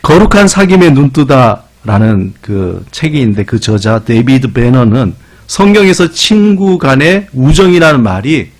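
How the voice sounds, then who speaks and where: A middle-aged man, a pastor, preaching a sermon in a conversational way. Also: medium pitch. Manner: conversational preaching with lively dialect imitations.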